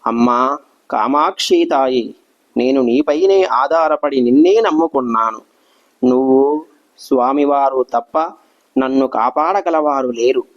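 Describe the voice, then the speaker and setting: A man's voice: medium pitch, steady tone, measured pace, darkish tone, dull audio, lightly acted. A man voicing an anxious, devout elderly grandmother who pleads in prayer. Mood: pleading.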